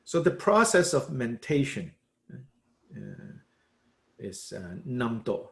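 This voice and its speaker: Animated man teaching a book study. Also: mid-range voice, slow, creaky. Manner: animated, repeats words, many "uh" and "you know". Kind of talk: lively explanatory teaching.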